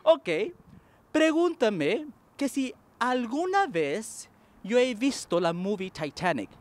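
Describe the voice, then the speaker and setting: A man's voice: very high-pitched, big pitch swings, slow pace, no room sound. A man hosting a playful street quiz show, teaching English and teasing as he switches between Spanish and English.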